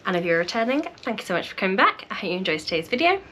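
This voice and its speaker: A woman's voice: mid-range voice, very animated, very fast, a bit bright, soft background music. Chatty woman book vlogger, kinda stuffy nasal voice from a cold, talking to camera in front of her bookshelves. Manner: chatty, friendly, thinks aloud. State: congested, slightly nasal from a cold. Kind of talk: casual chat to camera. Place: home room with bookshelves.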